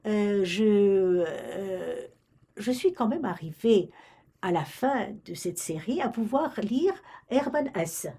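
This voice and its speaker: Speaking in a mid-range, dark voice with vocal fry and a breathy edge, a retired Romanian librarian in her later years recalls her past for an oral history interview. She is hesitant, restarting often and using many fillers.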